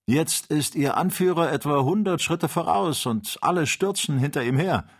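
A man voicing an excitable male hunter on a balloon journey, speaking in urgent, agitated exclamations. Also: on the high side, normal speed, breathy edge, voice pushed up. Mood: excited.

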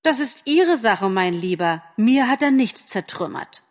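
A woman reading an audiobook aloud, voicing a scornful, stubborn female forest animal with dismissive, sharp retorts. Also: medium pitch, lively intonation, measured pace, in a large hall. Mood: mocking.

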